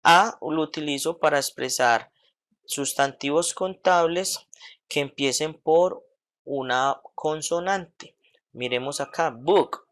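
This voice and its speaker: Man, English teacher explaining grammar in Spanish, slightly high voice, slow unhurried pace, keeps checking understanding. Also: fairly bright tone. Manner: checks understanding with frequent "¿sí?" and "¿cierto?"; says English examples slowly and carefully.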